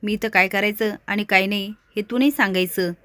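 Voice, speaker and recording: Woman voices a spiteful, taunting family troublemaker, shrill. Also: steady tone, brisk, a bit bright, no room sound, natural voice.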